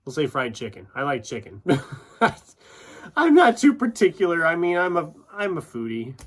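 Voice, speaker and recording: A man from Iowa, in the United States, hosts a YouTube book channel and answers questions in a casual, chatty vlog. His voice is a little high and a bit bright, sing-song, at normal speed. He drops in self-deprecating asides.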